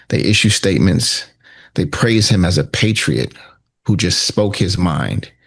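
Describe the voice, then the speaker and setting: Male political commentator, lowish pitch, unhurried slow delivery, sardonic edge, pointed exposé monologue, rhetorical pauses. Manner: deliberate, rhetorical phrasing with dramatic pauses.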